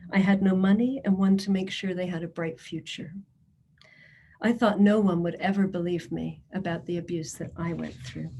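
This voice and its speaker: There's a little hiss or hum behind this woman, whose voice is medium in pitch and dark. As a social services presenter, she delivers a prepared address to a committee, earnestly and measuredly reading testimonies in the first person.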